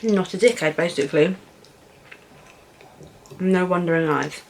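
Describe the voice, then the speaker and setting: A young British woman in a casual Q&A vlog, chatting informally and frankly while eating, thinking aloud with pauses. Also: lowish voice, low-quality recording. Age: young adult. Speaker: vlogger answering viewer questions.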